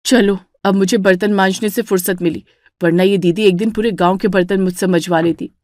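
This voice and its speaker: Woman doing young daughter-in-law, cartoon, grumbling, muttering, soft, dry close sound. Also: medium pitch, steady tone, brisk, dry recording, lightly acted.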